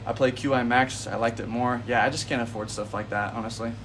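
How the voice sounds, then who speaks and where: A man's voice: mid-range voice, fairly even intonation, fairly quick, a bit bright, recorded from a distance, slight background noise, rough recording. A man in his twenties giving casual golf tips on a livestream in his backyard, friendly and easygoing, calling viewers buddy and bro. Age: 20s. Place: backyard outdoors.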